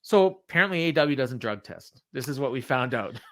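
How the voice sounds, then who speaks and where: A man with a mid-pitched voice gives a casual podcast recap. He works from memory in a halting way, doubling back and paraphrasing as he goes. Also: animated, fairly bright tone, slight background noise. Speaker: wrestling podcast co-host.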